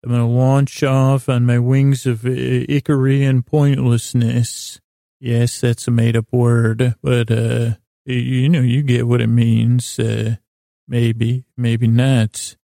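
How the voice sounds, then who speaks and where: He's a male podcast host with a gravelly, strongly creaky mid-range voice and a narrow, flat melody. His sleep-podcast monologue meanders and stalls as he doubles back, teases himself, and loses his thread again and again. The sound is close, dry, and echo-free.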